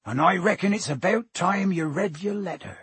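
A man voicing a huge, gruff, hot-tempered but good-hearted giant in a booming, growling, folksy way for a storybook. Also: moderate pace, fairly bright tone, no room sound, heavily acted. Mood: gruff, fond.

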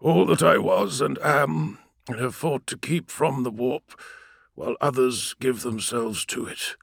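A man's voice: medium pitch, measured pace, gravelly, slightly rough, no room sound, clean studio sound, full character voice. A man playing a grim, ruthless male sorcerer who speaks in cold, clipped commands. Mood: solemn.

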